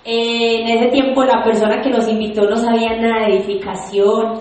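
A young woman giving an animated, emphatic motivational testimony to an audience, telling her story. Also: a little high, normal speed. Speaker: network marketing speaker. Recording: echoey hall.

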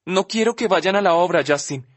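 A man's voice: sits high, normal speed, no echo, pitched above the performer's own voice. A man voicing a teenage girl who is crying, defensive and ashamed, in a raised, sobbing, pleading voice for an audiobook. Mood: tearful. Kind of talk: audiobook character voice.

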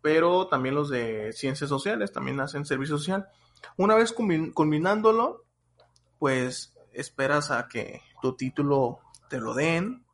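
A man's voice: fairly high pitch, measured pace, fairly bright tone. A young adult man with a Mexican accent hosting a podcast in a casual, chatty style. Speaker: podcast host.

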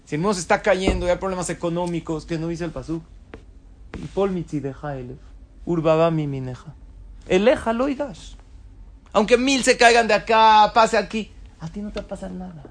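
A man's voice: fairly high pitch, brisk, darkish tone, a little hiss or hum. A man giving a Torah lecture, throwing rhetorical questions at his audience and answering them himself. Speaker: rabbi lecturer.

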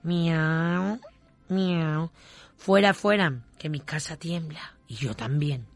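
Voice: mid-range voice, animated, a little slow, breathy edge, faint music behind. A storyteller voicing a tidy little mouse. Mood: sing-song. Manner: sing-song storybook reading. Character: tidy young female mouse, house-proud.

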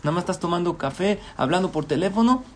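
Brief: man voicing irritable manager, sharp, raised pitch. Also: lively intonation, fast talker. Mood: scolding. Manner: scolding, sharp. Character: irritable male office manager, scolding.

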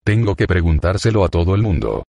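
A bored young cashier at a juice bar, as a man reading aloud gives her lines. The voice stays deep and a little husky, read plainly in a dry, close sound. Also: sing-song, a little fast, darkish tone, no room sound, full character voice. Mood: bored, giddy.

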